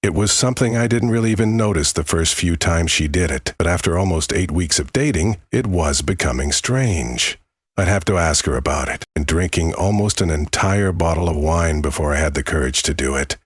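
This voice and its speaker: Deep, husky male horror narrator. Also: moderate pace, no room sound, studio quality. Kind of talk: scripted first-person horror story narration.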